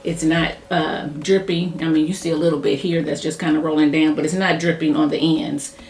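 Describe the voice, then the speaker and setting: Woman, casual hair product review, low voice, fast chatty talk, echoey room, faint music behind. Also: flat delivery, darkish tone. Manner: chatty, talks fast, thinks aloud while styling her hair. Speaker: hair care YouTuber.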